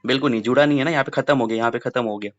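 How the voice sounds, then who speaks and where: A young man coaching students through exam science questions, moving between Hindi and English and going over each point more than once. His voice sits at an ordinary pitch. The recording sounds a little muffled. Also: racing. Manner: lively, mixes Hindi and English, repeats key points.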